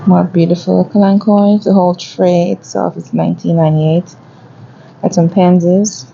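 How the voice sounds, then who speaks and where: A woman's voice: fairly low pitch, little pitch movement, normal speed, creaky, warm tone, dull audio, a little hiss or hum. A woman gardening vlogger chatting casually as she walks a garden center and reads out plant prices. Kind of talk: casual shopping vlog commentary. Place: garden center of a home improvement store.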